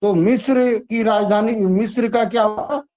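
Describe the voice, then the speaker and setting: This exam-prep lesson is led by a man whose high-pitched, slightly mellow voice keeps a fairly even intonation and an unhurried pace. He chats and repeats as he coaxes students through memory tricks, recorded with dull lo-fi sound.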